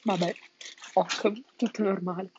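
A woman's voice: medium pitch, steady tone, measured pace, lo-fi sound, noisy background. A young woman reads a story aloud and mocks it with sarcastic asides. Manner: sarcastic, mocking, laughs at the text. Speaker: story reader and commentator.

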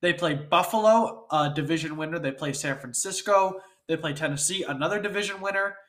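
A stuffy-nosed sports show host talks casually and keeps checking whether you agree, his voice sounding congested. He pitches on the high side, slightly bright, and moves a little fast.

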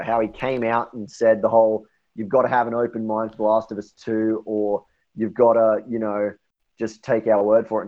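A man's voice: medium pitch, a little mellow. A man in a casual gaming chat, laid-back, often repeating his opening words. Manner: laid-back, repeats himself when starting. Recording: dull lo-fi audio.

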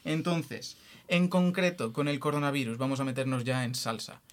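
A man's voice: mid-range voice, steady tone, moderate pace. A man talks through a science topic on a casual podcast. He jokes along the way and stumbles into restarts as he explains. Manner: jokey, restarts often while explaining.

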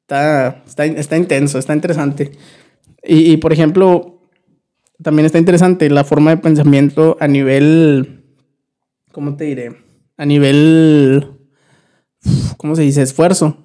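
Young Mexican man, casual podcast talk, slangy, higher-set mellow tone. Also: measured pace, long pauses. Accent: Mexican Spanish. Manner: relaxed slangy, frequent restarts and fillers. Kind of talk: casual chat.

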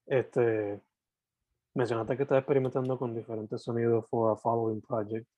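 A man's voice: medium pitch, little pitch movement, normal speed, dry recording. A man of thirty, an easygoing interviewer who asks questions and keeps affirming his guest. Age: 30s. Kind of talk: casual interview, mixing Spanish and English. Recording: dull, dry, lo-fi sound.

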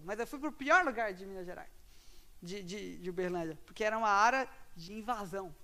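A man telling a personal story to an audience, animated and swinging between loud bursts and quiet asides. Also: extremely high pitch. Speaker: speaker at a talk.

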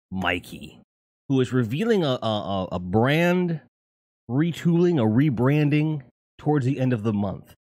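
A middle-aged man with a fairly high, darkish voice runs his own livestream, heard in studio quality with no room sound. His casual chat with viewers is profane and rambling, and he keeps correcting himself.

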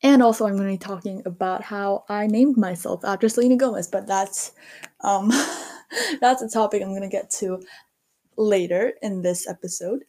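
A woman's voice: mid-range voice, normal speed, warm tone. A teenage girl from Korea hosting her own podcast, talking casually with many fillers and small laughs. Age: teens. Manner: chatty, lots of fillers like "um" and "like". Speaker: podcast host. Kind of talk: casual solo podcast monologue.

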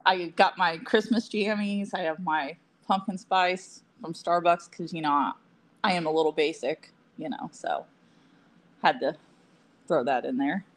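Chatty lady hosting a podcast, kinda low voice, laughs a lot. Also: measured pace, a little hiss or hum. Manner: chatty, laughs often, self-deprecating asides. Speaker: podcast co-host. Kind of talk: casual podcast chat.

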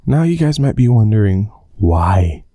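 A man's voice: fairly low pitch, big pitch swings, unhurried, dark tone, dry recording, studio quality. A man in his twenties recording his podcast from under a blanket in his bedroom, chatting in a rambling, casual way and sweating from the heat. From Belize. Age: 20s. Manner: rambling, chatty, self-aware about going off topic. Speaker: podcast host. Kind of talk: casual solo podcast chat. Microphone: home podcast mic under a blanket.

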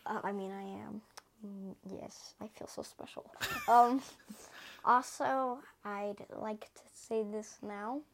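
A woman's voice: medium pitch, steady tone, takes it slowly. A ten-year-old girl co-hosting a casual podcast, chatty and giggly, often apologizing for interrupting. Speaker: podcast co-host.

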